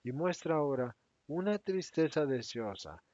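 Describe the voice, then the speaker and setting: A man reading a religious text aloud as the narrator, in a measured, expressive way. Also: a little high, no echo. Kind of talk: scripted narration. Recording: dry, slightly dull recording.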